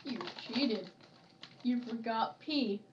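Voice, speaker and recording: A young woman with a high voice chats casually and playfully, teasing as she goes at an unhurried pace. The recording is muffled, with her away from the mic amid noise. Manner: silly, teasing. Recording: muffled, noisy, distant mic, clicks.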